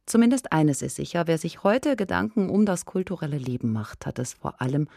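A man hosting a radio culture program, reading scripted presentation text in a measured, clear manner. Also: on the high side, lively intonation, dark tone, no room sound, studio quality. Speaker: radio culture show host.

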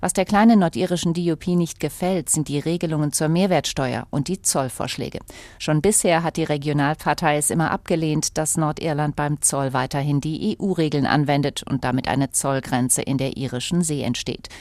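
Low-voiced woman reading news. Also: normal speed, a little mellow, no echo. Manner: clear, matter-of-fact. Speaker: news reporter. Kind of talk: news report. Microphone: close studio mic.

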